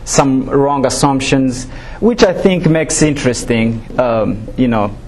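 A man from Rwanda gives a personal testimony as a student speaker. He talks haltingly, with many fillers and restarts, and sounds nervous. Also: mid-range voice, darkish tone, a little hiss or hum.

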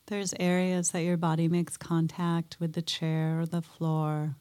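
Slow, soft-spoken woman guiding meditation. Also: low voice, little pitch movement. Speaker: meditation teacher. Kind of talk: guided mindfulness meditation.

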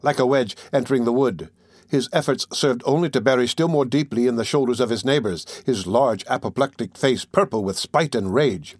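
A man's voice: medium pitch, normal speed, a little mellow, no room sound, clean studio sound. Man narrating a classic novel. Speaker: audiobook narrator. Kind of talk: scripted narration.

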